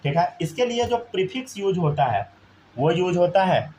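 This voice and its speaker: A man teaches a chemistry class, his voice a little higher than most men's. He keeps asking his students to respond and checks that they follow along. A faint hiss of room ambience sits under the recording. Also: very animated, normal speed, darkish tone. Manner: keeps asking students to answer, often says "theek hai". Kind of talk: live classroom lesson.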